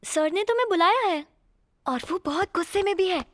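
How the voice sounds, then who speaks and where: A woman's voice: very high-pitched, expressive, fairly quick, dry recording, studio quality. A woman voicing a clever, level-headed young schoolgirl heroine in an anime dub.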